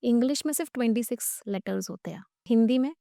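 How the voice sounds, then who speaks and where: A woman English teacher speaks in a podcast interview, laying out her advice step by step and spelling hard words out letter by letter. Her voice sits a little high. The recording is close and dry, with no room sound. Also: quick pace, gravelly, warm tone, no room sound.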